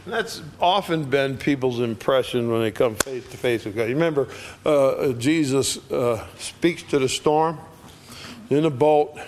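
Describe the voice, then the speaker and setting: Older male preacher, unhurried delivery, plain sermon voice, acts out quotes. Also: mid-range voice, darkish tone, a little hiss or hum. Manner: slow, conversational preaching with dramatic quoted voices.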